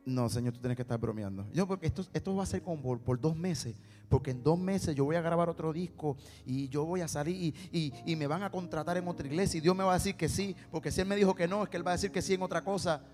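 A man with a Puerto Rican accent and a high voice, preaching in a church sanctuary with a long reverb trailing his words. He tells his testimony as a story, acts out both sides of each conversation and repeats words for weight. Soft instrumental music plays faintly underneath. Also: fast. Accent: Puerto Rican Spanish. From Puerto Rico. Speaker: preacher and singer. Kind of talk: sermon with personal testimony.

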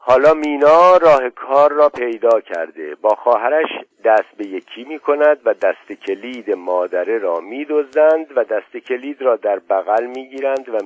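A man's voice: lowish voice, no room sound, lightly acted. A man voicing an Irish man telling a dreamy tale over a drink, in a lyrical, musing manner. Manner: wistful, lyrical storytelling. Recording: dull, dry lo-fi audio.

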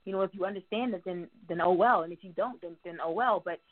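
This interview host speaks on the low side and talks fast. She keeps the call-based conversation casual, playful and chatty, with plenty of laughter between questions, all heard through narrow phone-style audio.

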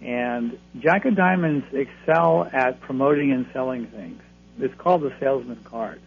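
A man with a gravelly voice giving conversational advice to callers as a guest reader on a radio show. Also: mid-range voice, measured pace. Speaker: card-reading astrologer, radio guest. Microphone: telephone. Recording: thin phone line, humming noise.

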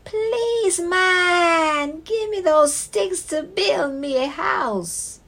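A tiny storybook piglet with a high, squeaky voice that jumps well above a normal reading tone, as a woman reading aloud puts it on. It talks slowly and sounds a little thin, as if voiced away from the mic. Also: expressive, a bit bright, heavily acted. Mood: pleading. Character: small timid little pig, high squeaky.

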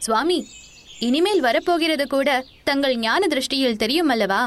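A woman's voice: sits high, lively intonation, normal speed. A woman voicing a curious, teasing young male traveler in a storybook reading, asking questions in a mocking, wide-eyed way. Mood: anxious. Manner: mocking, inquisitive.

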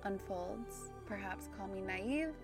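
American woman, gently reflective podcast host. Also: mid-range voice, animated, slow, over music. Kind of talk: casual spiritual podcast talk.

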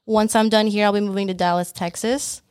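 A young salon owner from northern Vietnam appears as a guest on a casual podcast, talking bluntly about plans for her lash business and swearing now and then. Her mid-range voice holds a steady tone at a slightly fast pace, and crowd noise can be heard.

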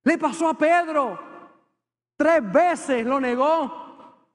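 Pastor preaching, really high voice for a guy, fervent then hushed, big echoey sanctuary. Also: very slow. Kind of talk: sermon. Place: church sanctuary with congregation. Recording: long hall reverb.

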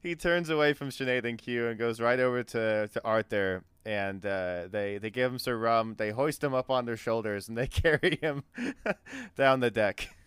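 A man narrating as game master in an informal, halting, amused improvised style. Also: medium pitch, fairly bright tone, clean tone, no room sound.

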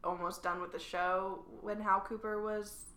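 A woman's voice: medium pitch, flat delivery, unhurried, fairly bright tone. A woman co-hosting a casual chat. She talks in an offhand, opinionated way and often trails off mid-thought. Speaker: podcast co-host. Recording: echoey room.

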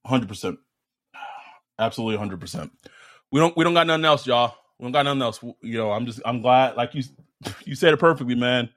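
A man's voice: mid-range voice, lively intonation, fairly quick, a bit bright, no echo, studio quality. A man hosting a sports podcast in casual, slangy fan banter, swearing freely and repeating phrases for emphasis.

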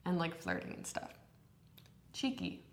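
A young woman co-hosting a podcast in relaxed casual chat, explaining slang. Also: lowish voice, moderate pace, vocal fry, reverberant, a little hiss or hum. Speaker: podcast co-host.

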